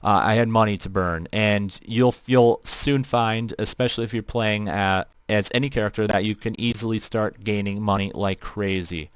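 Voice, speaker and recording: A man's voice: fairly low pitch, fairly even intonation, moderate pace, hardly any pauses, smooth, no room sound. A young man with a Midwestern American accent, rambling casually as he streams a game and chats with viewers. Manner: rambling, chatty, talks to chat viewers. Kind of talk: casual live-stream commentary.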